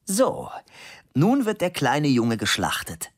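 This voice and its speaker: A man's voice: a little high, wildly swooping pitch, slow, voice pushed up, full character voice. A man voicing a brash teasing blonde woman. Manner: teasing, bold, partly whispered.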